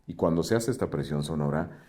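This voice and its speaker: A man teaching a voice-over lesson, explaining microphone technique into a close studio mic and demonstrating with his own voice. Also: brisk. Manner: expressive teaching, swings pitch widely to demonstrate. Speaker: voice-over instructor.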